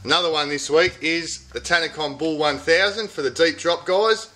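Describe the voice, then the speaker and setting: A middle-aged Australian man with a bright, forward voice gives a casual weekly fishing report. He talks in an easy, upbeat salesman's patter, close to the camera inside a big tackle shop. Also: fairly high pitch, normal speed, a little hiss or hum. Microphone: camera at close range.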